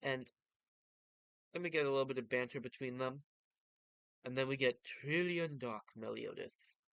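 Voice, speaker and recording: Male vtuber, casual fan commentary, mid-pitched clean smooth voice, close dry sound. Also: moderate pace, a bit bright, dry recording. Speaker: vtuber reading and commenting on manga.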